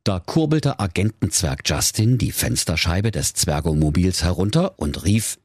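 A man's voice: sits low, very animated, moderate pace, darkish tone, breathy edge, dry recording, clean studio sound. A man narrating a comic fairy tale for children in a playful, mock-dramatic way, addressing the kids directly. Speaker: storyteller.

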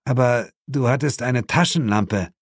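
A man's voice: medium pitch, a little slow, husky, no echo, studio quality, pitched above the performer's own voice. A man voicing the hero's matter-of-fact male partner, who calls out plainly.

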